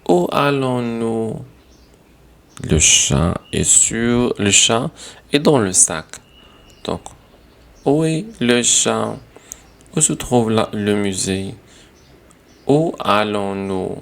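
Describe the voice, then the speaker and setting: Slow gravelly male teacher. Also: fairly low pitch. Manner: slow, methodical, repeating and correcting sentences. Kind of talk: classroom grammar lesson.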